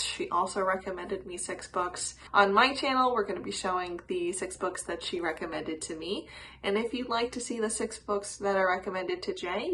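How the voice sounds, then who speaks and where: A woman hosting a book vlog, speaking casually to camera in a bubbly, expressive way. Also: medium pitch, poor audio. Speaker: book channel host. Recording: clear background noise.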